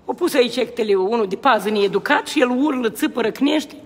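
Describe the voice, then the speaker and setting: High-voiced indignant man. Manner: indignant, repetitive, exclaiming. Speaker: protesting citizen filming. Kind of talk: heated complaint to camera. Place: government building entrance, indoors. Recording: echoey hall, faint ambience.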